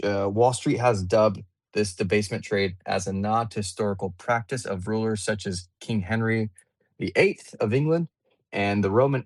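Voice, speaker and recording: A man hosting a live online audio panel, chatty and relaxed, with frequent fillers and restarts. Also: on the low side, dry recording, clean studio sound. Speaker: host. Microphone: remote audio call.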